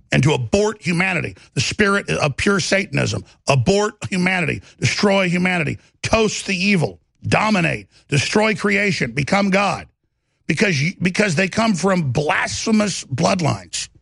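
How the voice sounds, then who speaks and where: A man with a gravelly, high, bright voice and a Texas twang delivers impassioned political commentary like a talk show host, confident, aggressive and emphatic, stacking up lists and rhetorical questions. He is expressive at a moderate pace, and there is no room sound.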